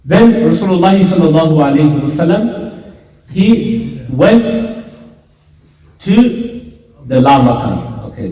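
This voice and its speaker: A man's voice: a little high, mellow. A man giving a Friday sermon as imam, emphatic and repeating phrases for stress, in a mosque prayer hall. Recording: echoey hall from far off.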